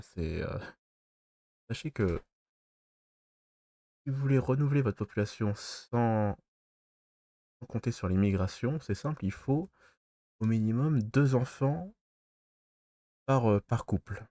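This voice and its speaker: A man with a congested, stuffy nose talking through a face mask, alternating between reading news and casual, halting commentary. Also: fairly low pitch, mellow, no echo, studio quality. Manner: hesitant, halting when off script. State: sick with a blocked nose. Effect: speaking through a face mask.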